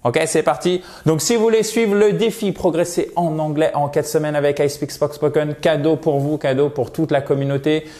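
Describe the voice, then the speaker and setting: A man's voice: on the high side, fairly even intonation, normal speed, few pauses, mellow. A man giving a casual video lesson on English pronunciation, explaining step by step and checking in with "ok?" as he goes. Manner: chatty, explains step by step with frequent "ok?" and "d'accord?"; models English sounds by repeating them. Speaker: English teacher.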